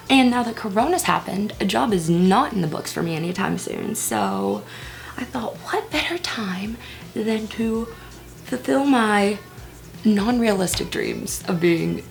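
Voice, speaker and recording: With a medium-pitched, gravelly voice, a woman in her early twenties keeps up easygoing get-ready-with-me chatter as she does her makeup at home. The vlogger is self-deprecating and throws in whispered asides.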